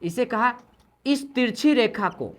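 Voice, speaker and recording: Speaking slowly in a fairly high, animated voice, a woman walks a class through Hindi grammar. Key points come up again and again, and she asks questions before supplying the answers herself.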